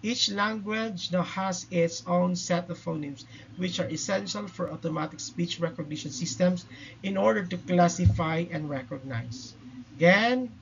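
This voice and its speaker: A man's voice: sits high, normal speed, gravelly, slight background noise. A man teaching a linguistics lecture, explaining step by step and checking in with "no?" and "okay?" tags. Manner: explanatory, with frequent "no?" and "okay?" check-ins and "uh" fillers. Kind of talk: recorded lecture. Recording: dull lo-fi recording.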